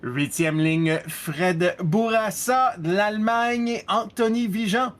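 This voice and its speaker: A man with a Québécois French accent commenting on a race, mixing English racing words into his French. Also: high-pitched. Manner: reads lineups slowly, mixes in English words. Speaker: color commentator.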